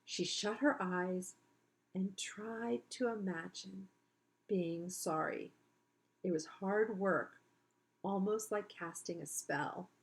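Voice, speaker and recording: A woman's voice: medium pitch, slow pace, poor audio. Woman teacher, mid-range voice, reads a children's book aloud with chatty explaining asides.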